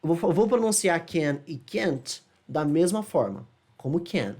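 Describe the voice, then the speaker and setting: A man with a Brazilian Portuguese accent runs a friendly English lesson. He speaks in a loose, chatty way, slowing down to demonstrate short English phrases and tossing in quick checking questions. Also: a little high, sing-song, a little mellow. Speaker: English teacher. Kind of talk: casual explanatory lesson.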